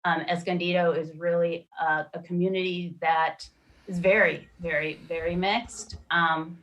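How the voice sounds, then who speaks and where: A woman commissioner explaining a map proposal at a public meeting over a video call, halting with many fillers and restarts. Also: fairly low pitch, little pitch movement, fairly bright tone, lo-fi sound. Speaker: redistricting commissioner.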